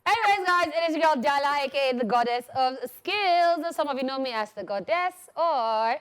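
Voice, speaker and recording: A woman's voice: sits high, lively intonation, a little fast. A Nigerian woman co-hosting a TV entertainment show, teasing her co-hosts and slipping into pidgin. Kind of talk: lively studio banter.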